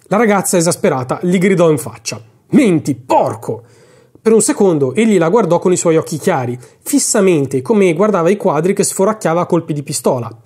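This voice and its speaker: A man's voice: sits high, animated, fairly quick, hardly any pauses, a little mellow, breathy edge. A man reading a classic story aloud for his podcast, narrating expressively and dramatically. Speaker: podcast host and reader.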